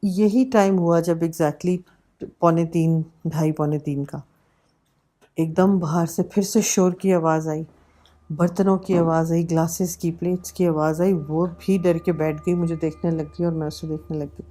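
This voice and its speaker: A woman vlogger telling a personal horror story in a casual way, slipping English words into her talk and going unhurried and hushed at the tense moments. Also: low-pitched, steady tone.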